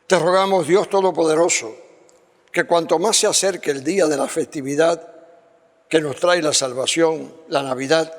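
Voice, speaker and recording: A man leading solemn liturgical prayer as a priest, measured and reverent, with cathedral echo. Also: on the high side. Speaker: priest presiding at Mass. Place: large church, amplified.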